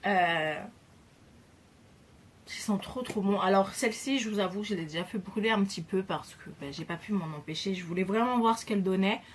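Young female beauty vlogger, chatty and bubbly, mid pitch, pauses a lot mid-sentence, recorded at home. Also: slight background noise. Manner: chatty and enthusiastic, hesitant pauses. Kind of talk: casual gift haul chat.

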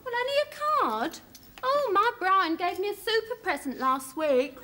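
An actress playing a chatty, gossiping neighbour with colloquial speech in a studio sitcom. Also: female voice, very high-pitched, very animated, normal speed, pushed and bright, a little hiss or hum, exaggerated voice. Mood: gossipy.

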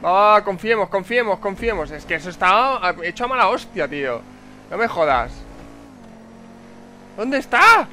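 An excitable man with a Spain Spanish accent commentates his own car race in a fairly high voice. He swears freely and fires off words in repeated bursts. Faint game sounds run underneath. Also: moderate pace. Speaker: gameplay commentator. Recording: faint game noise behind.

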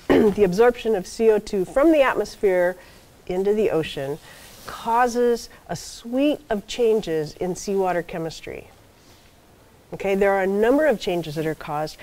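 At a podium in a lecture hall, a soft-spoken older woman with a medium-pitched voice delivers a university seminar talk as a guest lecturer. She explains patiently, often checking in with listeners through "okay" and "um."

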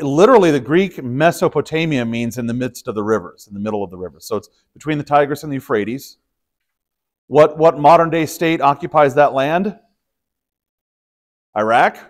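Man, pastor, relaxed Bible study teacher, conversational, halting with ums and restarts, mid pitch. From Texas. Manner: conversational, explanatory, with frequent fillers and restarts. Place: church study room.

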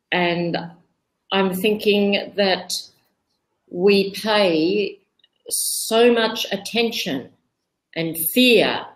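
Woman, host, earnest, deliberate, slow-paced. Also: mid-range voice, rough recording. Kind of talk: live-stream discussion.

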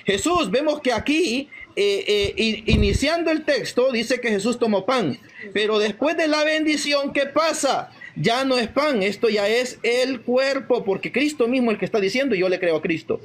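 A man with a fairly high voice leads a live online debate over a video call. He reads verses aloud slowly, leaning on each quoted line, then argues his point. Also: lively intonation. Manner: slows down and stresses quoted verses, argumentative.

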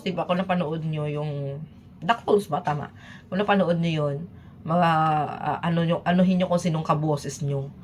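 A woman from the Philippines talks through a reaction video in a low, easygoing voice. She chats and laughs as she goes, switching between Tagalog and English. A faint background noise sits under her talk. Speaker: YouTube reaction vlogger. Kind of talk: casual reaction chat.

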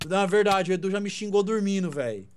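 A man's voice: high voice, fast, a little hiss or hum. A man chatting over a game, stammering and defensive. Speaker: gaming friend. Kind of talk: casual gaming chat.

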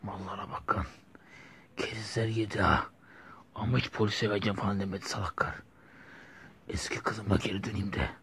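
A man's voice: medium pitch, brisk, creaky, slight background noise, lightly acted. A man voicing a scheming male psychopath and master of disguise, in whispered role-play asides.

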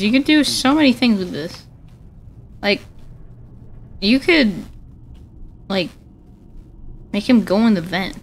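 A young woman giving casual, excitable gaming commentary, swearing often and breaking into frequent laughter. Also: mid-range voice, slight background noise. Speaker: gamer.

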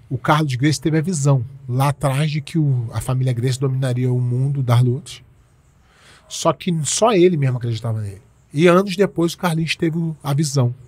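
Husky Brazilian man, emphatic. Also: medium pitch. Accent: Brazilian Portuguese. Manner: emphatic, repeats himself, slangy. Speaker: jiu-jitsu coach, podcast guest. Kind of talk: casual interview storytelling.

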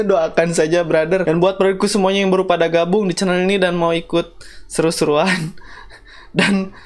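A man's voice: high-pitched, steady tone, normal speed. A young man doing slangy let's-play commentary on a horror game, mixing in English phrases and shrieking at jump scares. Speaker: gaming YouTuber.

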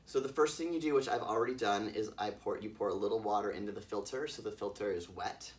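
A man with a fairly low voice hosts a casual coffee-making vlog from a yurt in the mountains, talking fast in an easygoing, wordy, chatty way as he demonstrates. The mic is distant.

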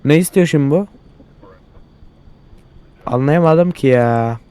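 A man's voice: on the high side, takes it slowly, dark tone, clear, resonant tone. A young man hosting a let's-play, commenting crudely with constant swearing and exasperated outbursts. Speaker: gaming channel host.

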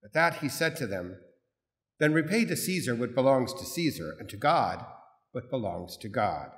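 A man, a priest, reading the gospel and preaching in a measured, formal way, his voice carrying a cathedral echo in a large church. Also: medium pitch, sing-song, fairly bright tone. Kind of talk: proclaiming the gospel and preaching a homily. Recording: long echoey hall reverb from a big church.

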